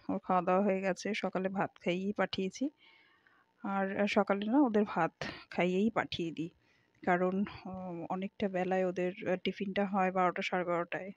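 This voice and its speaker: A middle-aged woman talks easily and warmly to her viewers as she works in her kitchen. Her voice sits at an ordinary pitch and is recorded dry and close, with little room sound. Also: no room sound, muffled recording. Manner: chatty, homely, addresses viewers directly. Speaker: vlogger. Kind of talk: casual home vlog narration. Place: home kitchen.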